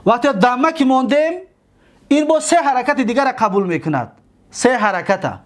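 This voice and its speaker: Tajik-accented male teacher, lively melodic delivery, stretches out example words. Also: extremely high pitch. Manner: slow, drawn-out on example words; questions the listeners and answers himself. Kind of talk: grammar lesson.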